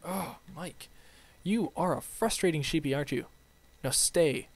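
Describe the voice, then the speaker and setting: A young man hosting a game video, chatting in an excitable, rambling way to his viewers. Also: fairly high pitch, moderate pace, breathy edge. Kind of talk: playful let's-play commentary.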